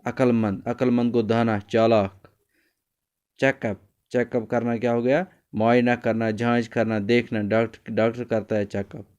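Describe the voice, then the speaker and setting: This man's mid-range voice is a little mellow, clear and resonant, with a flat delivery. He's running a reading lesson for children, going over what words mean, repeating lines for his pupils, and briefly switching into Kashmiri.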